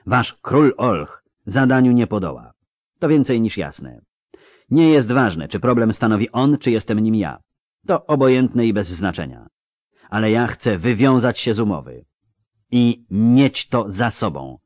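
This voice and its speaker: A man voicing a proud, defiant young woman in an audiobook, heated and prone to shrill outbursts. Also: expressive, slow pace, vocal fry, long pauses, darkish tone, dry recording, heavily acted. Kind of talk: audiobook character reading.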